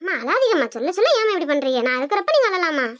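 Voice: extremely high pitch, sing-song, very fast, a bit bright, dull audio, heavily acted. A voice artist voicing a devoted adult son in a cartoon, soothing and coaxing his mother. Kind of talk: Tamil cartoon dubbing.

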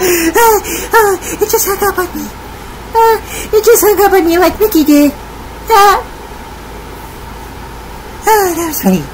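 Squeaky hot-tempered Minnie Mouse. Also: slow pace, long pauses, slight background noise, rough recording. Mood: amused whimpering. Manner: indignant, shouting, exasperated. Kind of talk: comic puppet prank-call skit.

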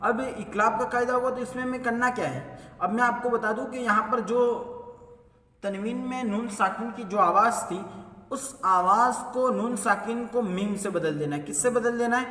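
A man's voice: very high voice, moderate pace, sharp tone. A man teaching a step-by-step recitation lesson, who asks himself questions and then answers them. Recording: echoey hall, mic far off.

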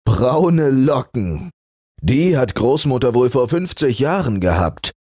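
A man's voice: lively intonation, normal speed, darkish tone, no echo, clean studio sound. A man voicing a fat, pompous male fur piece who mocks and boasts about knowing everything. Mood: smug. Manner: mocking, boastful, booming laugh.

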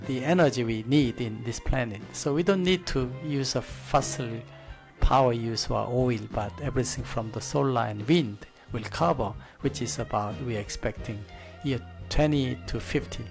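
A middle-aged man with a Korean accent, a native Korean speaker giving an informal, reflective presentation in halting English at a desk microphone. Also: mid-range voice, gravelly, faint music behind. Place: studio desk with a virtual set. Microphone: desk gooseneck microphone.

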